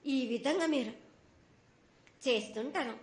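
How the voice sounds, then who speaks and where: A woman's voice: high voice, unhurried. A woman with a Telangana accent speaking as an oracle in a prophetic trance voice, sternly scolding and warning in broken, repetitive phrases. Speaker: oracle speaking as a mother goddess.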